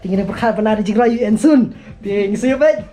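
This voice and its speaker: A woman's voice: medium pitch, quick pace, warm tone, faint music behind. A young woman hosting a casual vlog, chatting and giggling as she switches into English. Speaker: vlogger hosting a song collaboration.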